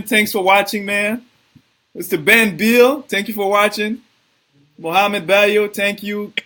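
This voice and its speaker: Bright-voiced man hosting a live stream. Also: high-pitched. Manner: hesitant, halting questions with many fillers. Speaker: host of a live video interview. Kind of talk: casual live-stream interview.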